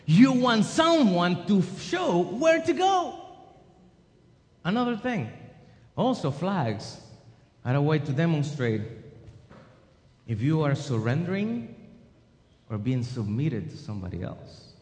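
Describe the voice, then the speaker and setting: A man's voice: fairly high pitch, very animated, slow pace, pauses often, darkish tone. A man preaching a sermon with an emphatic, rising and falling cadence. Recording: long hall reverb.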